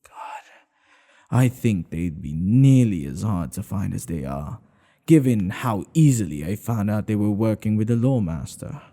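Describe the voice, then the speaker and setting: Playing a smitten older king for an ASMR boyfriend roleplay, a man sounds regal and teasing, with courtly wording and breathy speech that often falls to a whisper. His lowish voice is expressive, unhurried and mellow, the mood frustrated and confiding.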